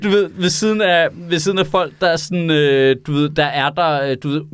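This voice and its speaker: A man's voice: a little high, fairly even intonation, clear, resonant tone, no room sound. A man in casual podcast chat, loose and profane, laughing often.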